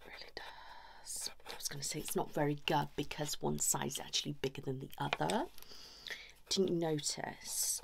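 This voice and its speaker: A woman playing a blunt, tactless sketch artist in a whispered role-play, in a fast, aggressive ASMR manner with clipped, repeated phrases. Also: on the low side, gravelly, a bit bright. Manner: blunt, critical. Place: small indoor room. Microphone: close ASMR mic.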